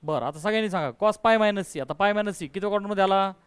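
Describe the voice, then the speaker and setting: A man's voice: high-pitched, racing, smooth, no echo. A male math teacher giving a call-and-response lesson, coaxing and quizzing his students and mixing in English terms. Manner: coaxing, quizzes students, calls them dear.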